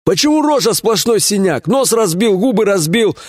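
A crude, menacing gang boss with a husky, raised voice that swings all over the place, as a male audiobook reader puts him on. He barks orders and scolds in a bullying, gruff way. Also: sits high, expressive, moderate pace, pitched above the performer's own voice. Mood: scolding. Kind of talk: audiobook character voice.

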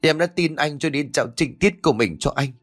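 A man's voice: medium pitch, animated, normal speed, slightly rough, faint music behind. A man voicing a pregnant young village woman who pleads in a raised, strained voice. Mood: tearful pleading.

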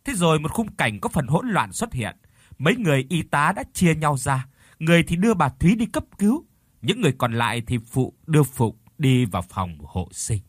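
Husky man narrating a horror story. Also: fairly high pitch, normal speed, no echo, clean studio sound. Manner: expressive, voices the characters. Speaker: audiobook narrator.

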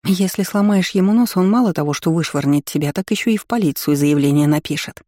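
A man's voice: fairly high pitch, fast talker, no room sound, clean studio sound, natural voice. Sasha, a man voicing a hot-tempered young waitress. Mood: defiant. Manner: sharp, clipped retorts. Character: tough young woman waitress, hot-tempered street-raised.

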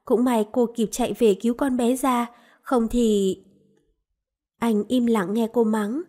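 A woman reads a romance novel aloud in calm, even storytelling. Her voice is mellow and sits a little high. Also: a little slow. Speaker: audiobook narrator. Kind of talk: scripted narration of a romance novel.

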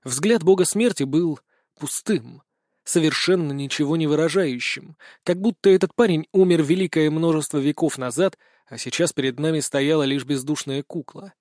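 A man's voice: fairly high pitch, normal speed, a little mellow, no echo. Man narrating an audiobook, dry sound. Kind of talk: scripted first-person narration.

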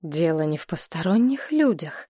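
A woman's voice: fairly low pitch, sing-song, normal speed, dark tone, husky, no room sound, clean studio sound. A woman voicing a grave, suspicious adult daughter who speaks grimly and questions pointedly in an audiobook. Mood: serious. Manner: grim and probing. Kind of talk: audiobook character reading.

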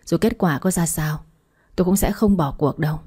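A woman voicing an earnest young man resolved to win the woman he loves, in a low, mellow voice. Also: moderate pace, slightly rough. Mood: determined. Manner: earnest, determined.

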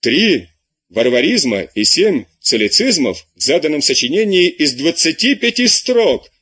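A man doing an enraged old abbé, husky. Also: on the high side, sing-song, normal speed, exaggerated voice. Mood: furious. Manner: shouting, indignant tirades. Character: furious older male abbé tutor, scolding.

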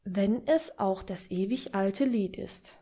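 A sardonic, practical man from an audiobook, as a woman reads him, dry and mocking. His lines come slowly in a low, dark, mellow tone. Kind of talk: audiobook reading.

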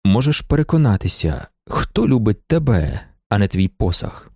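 A man putting on a low, intense merchant. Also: very animated, normal speed, mellow, no echo, clean studio sound. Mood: brooding. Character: earnest middle-aged male merchant, intense.

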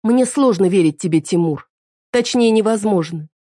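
A woman's voice: medium pitch, expressive, normal speed, dry recording, studio quality, pitched above the performer's own voice, natural voice. A woman voicing a wife who sharply scolds her unfaithful husband. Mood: reproachful. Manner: sharp, reproachful. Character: stern wife, angry and hurt at her husband.

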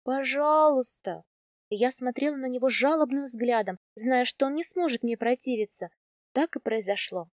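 A woman narrating a first-person audiobook in a lively, expressive reading voice. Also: on the high side, moderate pace, dry recording, studio quality. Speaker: audiobook reader.

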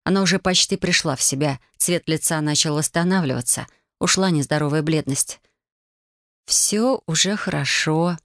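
A woman narrating a first-person novel as an audiobook, reading in a lively, expressive way. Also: low voice, a little fast, no echo, clean studio sound.

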